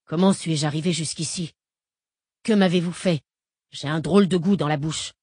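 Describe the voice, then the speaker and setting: Woman narrator as cursing male lawyer captive, defiant, lowish dry read. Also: normal speed, a little mellow, slightly rough, no room sound. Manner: blustering, cursing. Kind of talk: audiobook character reading.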